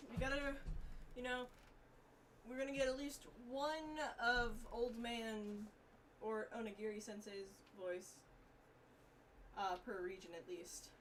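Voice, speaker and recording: A woman's voice: fairly high pitch, a bit bright. A woman giving casual live commentary as she streams a game, with fan noise behind her. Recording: noisy fan, distant mic.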